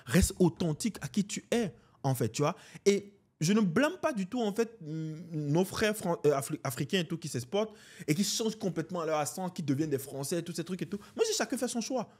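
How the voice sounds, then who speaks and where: Animated young Beninese man, husky voice. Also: a little high. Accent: Beninese French. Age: 20s. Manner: animated, slangy, repeats "en fait, tu vois". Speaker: podcast guest, entrepreneur. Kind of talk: casual podcast chat.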